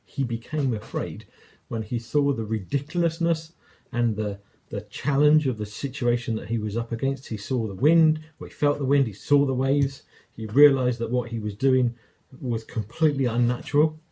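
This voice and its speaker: A man's voice: mid-range voice, normal speed, mellow, slightly rough. A man with an English accent preaching a sermon, telling a story in a conversational way and acting out quoted lines.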